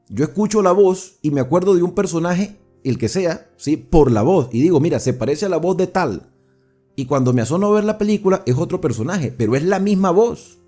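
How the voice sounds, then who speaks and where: A man leads a Bible study in a lively, rising and falling voice, explaining each verse and turning to ask his listeners questions. His tone is warm and mellow, with soft music playing faintly underneath. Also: a little high. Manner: conversational, explains verse by verse and asks the audience questions. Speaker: Bible teacher.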